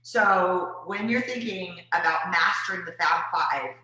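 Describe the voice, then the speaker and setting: A woman's voice: lowish voice, measured pace, bright, forceful tone. A woman giving casual cooking tips to viewers, chatty and rambling with lots of fillers. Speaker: wellness presenter. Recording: very echoey room.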